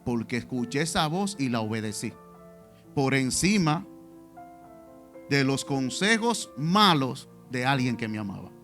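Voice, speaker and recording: A man's voice: mid-range voice, sing-song, unhurried, fairly bright tone, soft background music. A man preaching a testimonial sermon in church, speaking directly to the congregation with rhetorical questions. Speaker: pastor.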